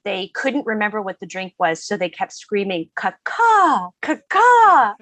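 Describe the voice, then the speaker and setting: A woman guest in a casual podcast interview, an animated storyteller who often restarts her phrases. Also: medium pitch, moderate pace, no echo. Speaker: spirits company founder, guest.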